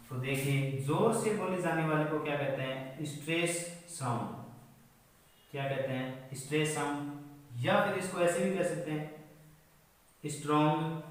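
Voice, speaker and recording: A male teacher works through an exam-prep lesson, putting each question to the class and answering it himself while he writes on a board. His delivery is slow and deliberate. He sounds distant from the mic, and a long, echoey reverb hangs on every word. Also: on the high side. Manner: asks a question, then repeats the answer.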